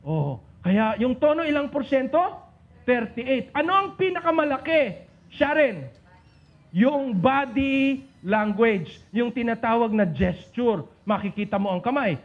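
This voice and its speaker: A man with a very high voice teaches a seminar, playful and teasing, calling on people in the room by name. The recording is dull and lo-fi. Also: big pitch swings, moderate pace. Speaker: seminar speaker. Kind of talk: lecture on communication to a live group.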